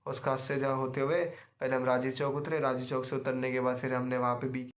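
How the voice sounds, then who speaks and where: A man's voice: medium pitch, little pitch movement, fairly quick. A young man casually recounting his day for a video diary, chatty and repetitive, mixing in English words and laughing now and then. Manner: chatty, repeats himself, mixes English words, laughs often. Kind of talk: casual storytelling.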